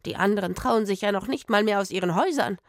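A woman's voice: medium pitch, fast, no room sound, studio quality, close to an everyday voice. A woman voicing a fearful, superstitious old village woman who hisses urgent warnings, in a children's audio story. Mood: insistent. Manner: hissing, urgent and imploring.

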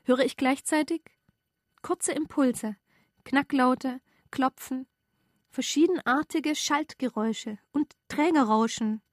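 A woman voicing the narrator's dreamy young girlfriend, listing things in a calm, matter-of-fact way. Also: high voice, slow pace, no room sound, studio quality.

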